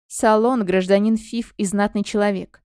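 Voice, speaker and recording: A woman voicing a stern male temple priest who speaks calmly, coldly and curtly in an audiobook. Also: medium pitch, moderate pace, clear, resonant tone, no room sound, studio quality, close to an everyday voice. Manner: cold, calm, curt.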